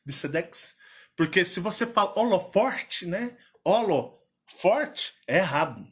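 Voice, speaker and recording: A man with a Minas Gerais accent talks in a casual, rambling way, full of playful restarts. His voice sits high for a man and bounces around a lot. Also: animated, slow, fairly bright tone. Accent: Minas Gerais Portuguese. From Minas Gerais, Brazil. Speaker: channel host. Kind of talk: casual chat.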